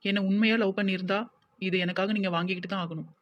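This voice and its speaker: Voice actor doing a devoted young village woman, Tirunelveli accent, gentle, insistent, quick, cartoon. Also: medium pitch, steady tone, muffled recording, close to an everyday voice. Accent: Tirunelveli Tamil.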